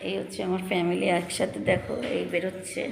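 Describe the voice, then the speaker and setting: A middle-aged woman with a hoarse voice, chatting casually to her viewers in a lifestyle vlog while out near home. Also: on the low side, monotone, fast, a crowd in the background. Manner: chatty, addresses viewers directly. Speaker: lifestyle vlogger. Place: out and about near home and shops. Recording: loud background noise.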